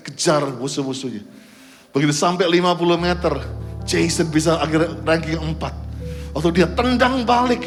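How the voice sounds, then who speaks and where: A middle-aged man preaching as a pastor, telling a lively story, mixing in English phrases and shouting out quoted cheers. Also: fairly high pitch. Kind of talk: sermon storytelling. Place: church service.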